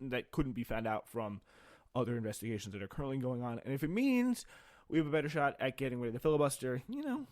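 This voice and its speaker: A man reading news aloud and adding off-the-cuff political commentary in an informal, halting way. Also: medium pitch, lively intonation, a little mellow, no echo, clean studio sound.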